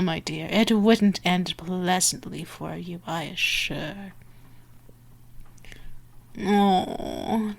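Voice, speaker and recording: A woman with a gravelly, medium-pitched voice plays a dominant female vampire in an ASMR roleplay. She is teasing, condescending and menacing, shifting between murmurs and whispers.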